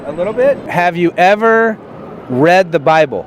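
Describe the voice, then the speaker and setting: A man with a fairly high voice hosts a street interview show and stops passers-by with the same simple questions. He speaks plainly and hesitantly, filling gaps with "uh" and restarting his sentences. A light hum of traffic and city noise sits behind him. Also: expressive, normal speed. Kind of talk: street interviews and direct-to-camera intro.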